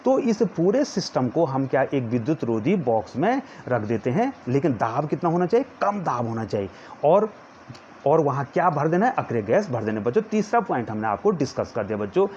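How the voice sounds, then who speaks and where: Lively Hindi physics teacher dictating notes. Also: male voice, mid-range voice. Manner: calls students "children" in nearly every line, repeats words slowly for dictation; points at a diagram while explaining. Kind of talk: classroom lesson, dictating notes. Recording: dull lo-fi sound with faint background noise.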